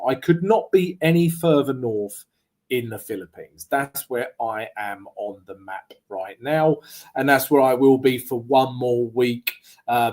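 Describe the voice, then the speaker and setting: Streaming live from a home setup abroad, a forex trading host keeps the chat lively, joking and casual with viewers, often tossing in "right?" and "guys." His medium-pitched voice is slightly croaky.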